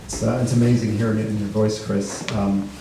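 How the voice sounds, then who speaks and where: A man moderating a book event, halting and hesitant, with frequent ums and uhs. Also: lowish voice, level tone, heavy background noise. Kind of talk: hesitant introductory remarks. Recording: echoey room, voice far from the mic.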